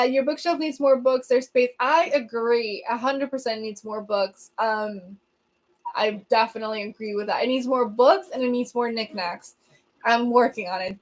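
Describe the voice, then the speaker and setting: This fairly high-pitched voice belongs to a young woman from Venezuela whose first language is Spanish. As a livestream host replying to comments, she keeps things chatty and relaxed, laughing often and peppering her speech with ums and fresh starts.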